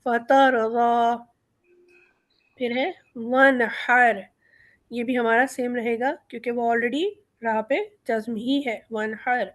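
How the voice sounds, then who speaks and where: A woman teaching a Quran recitation lesson, explaining rules briskly and reciting each example word slowly. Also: on the high side, fairly even intonation, a bit bright.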